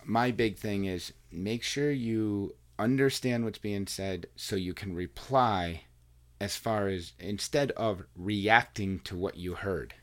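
A podcast host and coach with a lowish, slightly bright voice speaks slowly in a casual chat with his wife in their home recording room. He's earnest and rambling, restarting often, with his mic plugged into recording software.

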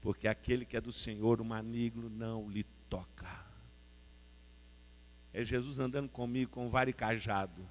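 A Brazilian man preaching a sermon with a Brazilian Portuguese accent, telling the story in colloquial, lively style and often addressing the audience directly. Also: medium pitch, normal speed, big-room sound, slight background noise.

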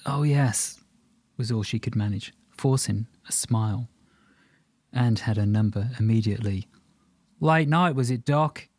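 A man narrating an audiobook in a calm, even storytelling manner. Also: on the low side, husky, no room sound. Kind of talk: scripted narration.

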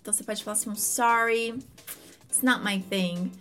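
A Brazilian woman teaching English in an upbeat way, repeating example phrases slowly and clearly. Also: mid-range voice, steady tone, fairly bright tone, soft background music. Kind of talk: online language lesson.

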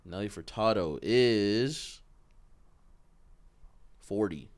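Lowish, animated young man, frat-bro banter. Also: drawn-out words, dry recording. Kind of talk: casual chat.

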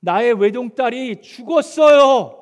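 A man voicing a desperate father who loudly accuses and pleads after his daughter's death. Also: extremely high pitch, lively intonation, moderate pace, in a large hall, voice pushed up. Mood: angry grief. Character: frantic grieving father, synagogue ruler.

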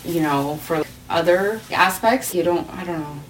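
Slow, thoughtful woman, low voice. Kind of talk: casual podcast chat. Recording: distant from mic, faint hiss.

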